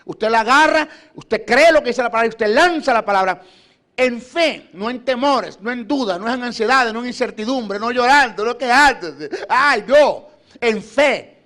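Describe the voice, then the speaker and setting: Middle-aged male preacher, high voice, emphatic, repeats phrases in exhortation. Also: moderate pace, pushed and bright. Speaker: preacher and Bible teacher. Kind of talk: sermon teaching.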